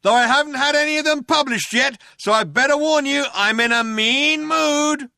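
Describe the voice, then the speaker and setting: A man voicing a second cop, an eager would-be novelist who yells chummy threats in a comic science fiction audiobook. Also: extremely high pitch, normal speed, vocal fry, no echo, studio quality, pitched above the performer's own voice, exaggerated voice. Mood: eager, menacing. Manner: yelling, eager, confiding.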